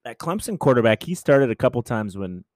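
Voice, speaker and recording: A man's voice: medium pitch, sing-song, brisk, a little mellow, no room sound, clean studio sound. A man co-hosting a casual sports chat, easygoing and loose, often restarting his sentences. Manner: easygoing, hesitant restarts, laughs along. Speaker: sports podcast co-host.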